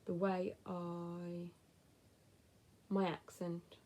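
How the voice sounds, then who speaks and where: A woman in her thirties from England with a West Midlands accent chats casually to camera, answering viewer questions bluntly and adding whispered asides. Her voice is fairly low and mellow, delivered in a monotone with drawn-out words.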